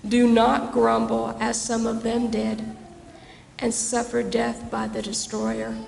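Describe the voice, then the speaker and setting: A woman with a heavily creaky voice reads scripture at an unhurried pace. She is a lector speaking formally, and the church around her echoes, with faint background noise. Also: a little high, a little mellow. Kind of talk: measured scripture reading at church.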